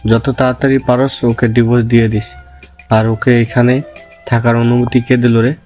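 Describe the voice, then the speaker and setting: A man's voice: medium pitch, flat delivery, normal speed, a little mellow, faint music behind, lightly acted. A man playing a hostile, vengeful brother-in-law who threatens and sneers in an audio drama. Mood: contemptuous. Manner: threatening, contemptuous.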